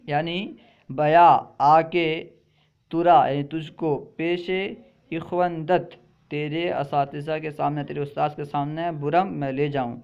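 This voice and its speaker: A man's voice: a little high, vocal fry, smooth. Lo-fi man teaching phrase by phrase. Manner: reads each phrase, then repeats and glosses it. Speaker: religious school teacher. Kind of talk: phrase-by-phrase translation lesson. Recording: dull lo-fi recording.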